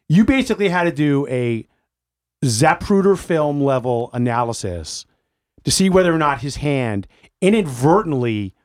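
Animated man in casual sports banter. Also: on the high side. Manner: animated, laughing, mock-outraged. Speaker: co-host.

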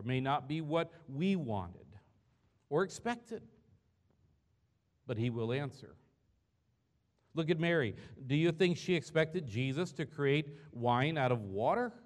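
A male pastor with a voice on the high side preaches a sermon in a church. He is earnest and conversational, asking the congregation rhetorical questions.

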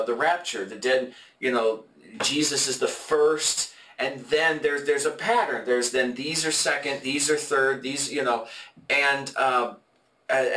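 A man co-hosting a podcast, leading a conversational Bible study in a halting, explanatory way with many fillers and restarts. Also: medium pitch, pushed and bright. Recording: echoey room, mic at a distance.

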